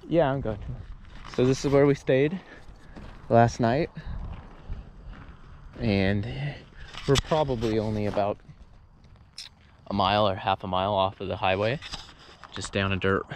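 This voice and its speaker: A man hosting a casual travel vlog at a desert campsite, talking in a relaxed, rambling way with many pauses and fillers into an action camera. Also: lowish voice, a little hiss or hum. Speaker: vlogger and trip host. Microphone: action camera mic.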